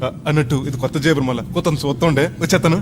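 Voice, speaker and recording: An actor playing a naive, middle-aged village man on his first flight, loud and rustic, mangling English words. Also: a little high, steady tone, rapid-fire, very noisy, natural voice. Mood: chatty. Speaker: actor in a film comedy scene. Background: film background music.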